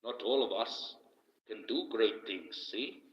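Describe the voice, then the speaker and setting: A man from Australia putting on the voice of an archangel who gives slow, preachy life advice, with an added echo for an ethereal sound. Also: on the low side, fairly bright tone. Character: solemn archangel giving life advice, male. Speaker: live streamer reading chat. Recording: echoey, reverberant, dull lo-fi.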